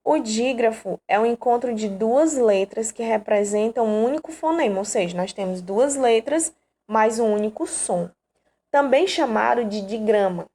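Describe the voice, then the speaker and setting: A woman's voice: fairly high pitch, animated, moderate pace, warm tone. A woman from Brazil teaching an online grammar lesson, explaining patiently and checking in with her students often.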